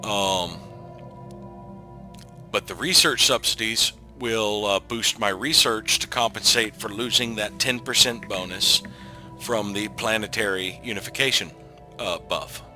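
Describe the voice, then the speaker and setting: A man's voice: on the low side, measured pace, bright, forceful tone. A man giving casual gameplay commentary as a let's play host, thinking aloud and trailing off into frequent ums. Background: game music.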